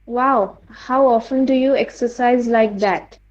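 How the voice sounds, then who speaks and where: A woman's voice: a little high, fairly even intonation, measured pace, muffled recording. A woman student reading a textbook dialogue aloud with some hesitation in an online class.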